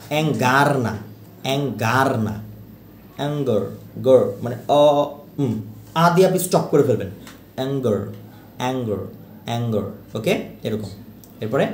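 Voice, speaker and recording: Lively man teaching pronunciation in an echoey room. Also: a little high. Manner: repeats example words slowly, asks questions. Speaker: English teacher. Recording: echoey room with faint noise.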